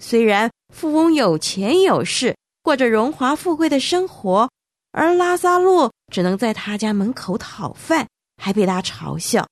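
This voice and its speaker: A woman tells a Bible story to children, talking straight to them with an animated delivery. Her voice rises and falls widely. It is recorded close and dry. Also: on the high side, a little slow, no room sound. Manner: animated, addressing children directly.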